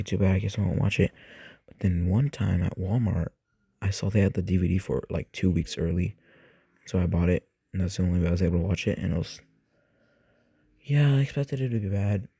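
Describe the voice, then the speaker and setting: A man's voice: sits low, brisk, creaky, warm tone, breathy edge, dry recording. A young man casually reviewing movies for his channel, rambling and swearing with lots of fillers. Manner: rambling, profane, filler-heavy.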